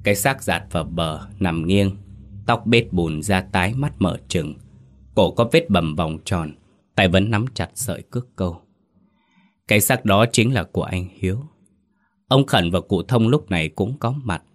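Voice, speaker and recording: Deep-voiced man narrating a ghost story. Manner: measured, dramatic.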